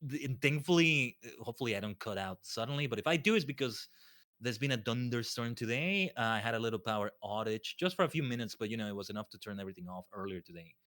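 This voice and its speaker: A man's voice: medium pitch, expressive, quick pace, a bit bright. A man chatting casually as a guest on a livestream, rambling and often repeating his phrases. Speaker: guest streamer.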